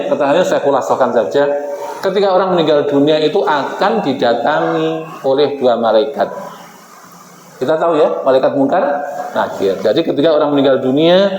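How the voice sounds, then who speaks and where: A man preaching an Islamic sermon, telling stories and acting out the voices of the figures in them, often turning to the women present. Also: on the high side. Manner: animated, acts out quoted figures, addresses the women present. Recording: echoey hall with faint background noise.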